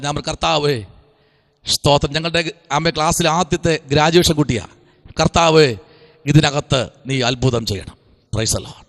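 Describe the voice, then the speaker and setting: Pastor guy preaching, high bright voice, keeps saying amen and praise the lord, echoey hall. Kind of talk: Pentecostal sermon.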